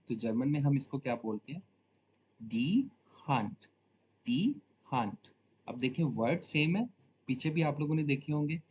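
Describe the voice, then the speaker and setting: Male language teacher, patient and repetitive, mid-pitched voice, faint noise behind. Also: darkish tone. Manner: slow, deliberate repetition of each word. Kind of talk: Hindi-language lesson teaching German vocabulary.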